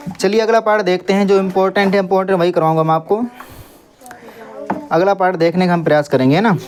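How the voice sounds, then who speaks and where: A man's voice: sits high, fairly even intonation, fast. A young man teaching English grammar in a classroom, asking the pupils questions and answering for them, and now and then telling them to stop making noise. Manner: scolds noisy pupils.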